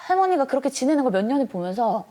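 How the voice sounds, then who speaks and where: A woman's voice: high-pitched, big pitch swings, rapid-fire, mellow. A young woman on a studio panel speaking heartfelt and expressively. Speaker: student panelist. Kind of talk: emotional personal conversation. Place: TV studio classroom.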